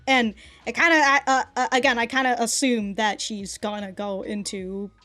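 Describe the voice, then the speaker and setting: A woman's voice: on the high side, steady tone, unhurried, sharp tone, faint music behind. A woman hosting a casual reaction video, rambling with stammered restarts and frequent laughter.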